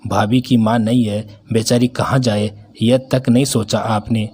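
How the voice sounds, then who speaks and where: An outspoken young woman, as a male storyteller plays her in a spoken storybook, reproaching her mother. The voice is husky and breathy at a middling pitch. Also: steady tone, unhurried, a little mellow. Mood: reproachful. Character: young married woman, the daughter, bold and angry.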